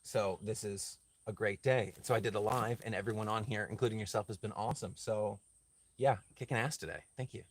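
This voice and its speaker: A man with a fairly low voice works on a craft on a livestream, chatting casually. His thinking-aloud is halting and reflective, and he responds to viewers' comments.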